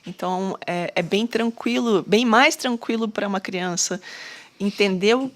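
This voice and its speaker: A woman's voice: mid-range voice, measured pace. A woman educator in a casual podcast conversation, talking thoughtfully with many fillers and restarts. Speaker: educator at a school.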